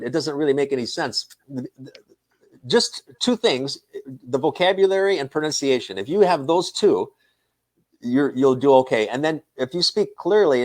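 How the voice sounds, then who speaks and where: Midwestern American man explaining calmly. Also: mid-range voice. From northern United States. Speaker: English instructor. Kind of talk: casual conversation.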